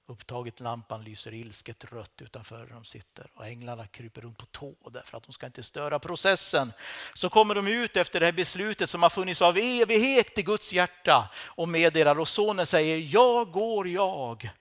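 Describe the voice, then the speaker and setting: A man preaching a sermon, retelling scripture with dramatic storytelling, swinging between loud outbursts and hushed lines. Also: on the high side.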